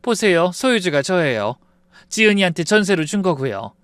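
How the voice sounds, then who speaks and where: Man voicing a calm, cunning mother. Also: high voice, moderate pace, smooth, dry recording, voice pushed up. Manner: calm, matter-of-fact.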